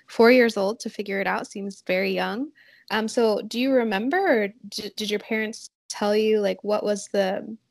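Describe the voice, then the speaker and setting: A woman hosting a podcast, reading an introduction and asking interview questions in a friendly, measured way. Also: medium pitch, a little mellow, no echo, clean studio sound. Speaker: podcast host.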